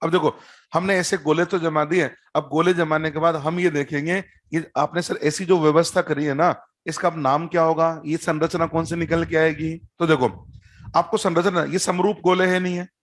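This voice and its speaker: In a classroom-style lecture at a board, a man explains chemistry step by step in a somewhat high voice, steady in tone and moderate in pace. He repeats key terms, quizzes the students and teases them with jokes.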